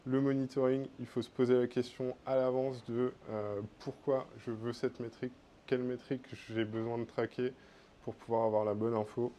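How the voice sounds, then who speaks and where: A man's voice: mid-range voice, flat delivery, normal speed, mellow, slight background noise. A man with a French accent giving a casual tech meetup talk, with many fillers. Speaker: conference speaker. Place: meetup room.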